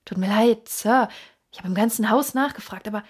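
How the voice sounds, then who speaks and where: A woman reading an audiobook, voicing an agitated, apologetic German floor waiter with a husky voice. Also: medium pitch, brisk, lightly acted. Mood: flustered. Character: flustered German hotel floor waiter, man.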